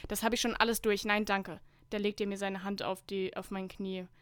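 A woman's voice: medium pitch, flat delivery, moderate pace, fairly bright tone, clean tone, dry recording. A young woman co-hosting a podcast, reading fanfiction aloud with dry, mocking commentary and skipping parts with "bla bla". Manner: mocking, skips passages with "bla bla". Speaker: podcast co-host.

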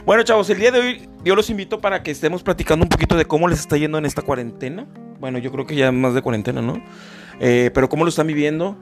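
A man's voice: a little high, fast, faint music behind. A man hosting a podcast in casual chat, rambling with many fillers and restarts. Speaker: podcast host.

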